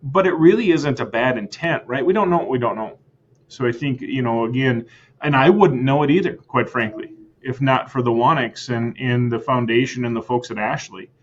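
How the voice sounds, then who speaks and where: A man's voice: medium pitch, moderate pace, lo-fi sound, slight background noise. An American man, a school district superintendent, answering interview questions earnestly, often repeating words and asking "right?".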